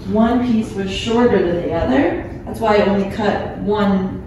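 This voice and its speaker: A woman's voice: mid-range voice, a little slow, dark tone, distant mic. Young woman, casual chatty talk, very echoey bare room, audible background noise. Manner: casual, fillers like "like" and "you know". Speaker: boat owner learning to sew. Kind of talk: casual chat. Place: large empty living room with paper-covered floor.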